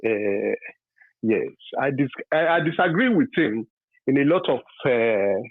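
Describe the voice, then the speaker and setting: A man in his fifties from Nigeria with a Yoruba accent, calling in to a radio talk show to give his opinion, halting and full of fillers, then emphatic. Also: mid-range voice, very animated, no room sound. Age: 50s. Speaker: caller. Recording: dry tinny phone line.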